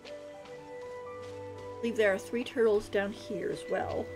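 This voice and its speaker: Medium in pitch and slow in pace, this game streamer's voice narrates her play live. She's casual and giggly, musing out loud over background game music.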